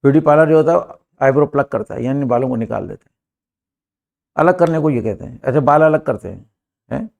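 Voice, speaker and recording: An older man with an Indian accent teaches an English lesson, firing off emphatic rhetorical questions at the class. His voice is a little high, creaky and somewhat mellow, captured by a camera far away in the classroom.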